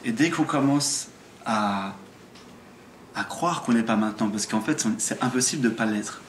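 A man's voice: medium pitch, moderate pace, reverberant, a little hiss or hum. A man from France with a French accent, a spiritual teacher giving an earnest satsang talk on awakening, often restarting his words. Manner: earnest explaining with frequent stammered restarts.

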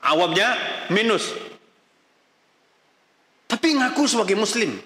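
A man's voice: sits high, lively intonation, slow pace, sharp tone. A middle-aged man giving a religious lecture as an Islamic preacher, emphatic and scolding, full of rhetorical questions. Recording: echoey hall reverb.

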